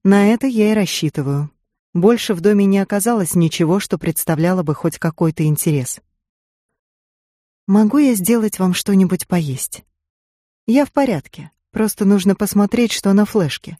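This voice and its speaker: A reader voicing a tough, battered female agent who speaks tersely and gruffly. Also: medium pitch, expressive, moderate pace, warm tone, no room sound, studio quality, lightly acted.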